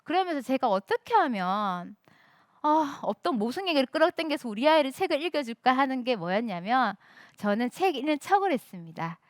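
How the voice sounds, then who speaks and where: A woman's voice: high-pitched, big pitch swings, brisk, no echo, studio quality. A woman in her forties giving a motivational stage speech, emphatic and speaking directly to the audience. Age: 40s. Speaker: student speaker.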